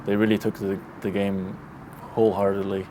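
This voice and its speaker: A man speaking slowly and in a measured way, with warm praise, in a documentary interview outdoors. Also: fairly low pitch, flat delivery, slight background noise.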